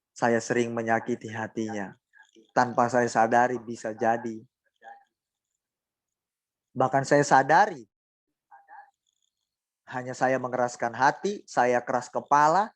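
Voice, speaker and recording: A man's voice: mid-range voice, no echo. A male pastor preaching a sermon, asking his congregation rhetorical questions and often acting out quoted voices.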